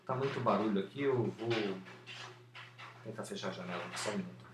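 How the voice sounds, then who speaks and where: A man talking to a camera about overcoming a stutter, slowly, with some repeated syllables and many fillers. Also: fairly low pitch. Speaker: former stutterer sharing his method. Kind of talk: unscripted talk to camera. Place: indoor room with an open window and street noise. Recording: roomy, distant camera sound with faint background noise.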